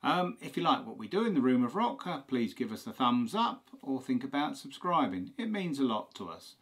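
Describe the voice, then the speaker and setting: A man's voice: mid-range voice, big pitch swings, normal speed, fairly bright tone. A man hosting a band video, chatting jokily to viewers and acting out a phone call in a music room. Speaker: band host. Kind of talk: casual chat.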